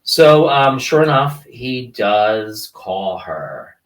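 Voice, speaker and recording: A man co-hosting a podcast, animatedly retelling TV scenes in casual chat. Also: drawn-out words. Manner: animated storyteller, jumps in pitch when retelling scenes. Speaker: podcast co-host. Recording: distant from the mic.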